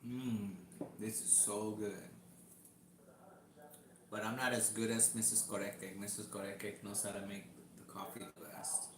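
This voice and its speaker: Slow, easygoing man in an echoey room. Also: lowish voice, a crowd in the background. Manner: slow, relaxed, greets viewers by name. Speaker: livestream host. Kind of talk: casual livestream chat.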